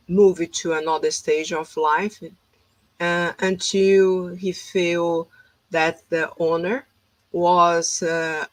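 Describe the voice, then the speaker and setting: A Brazilian woman who works as a holistic therapist hosts an informal conversation, speaking slowly in a lowish voice. Her non-native English, with a Brazilian Portuguese accent, is hesitant and full of fillers. The low-quality recording has no room sound.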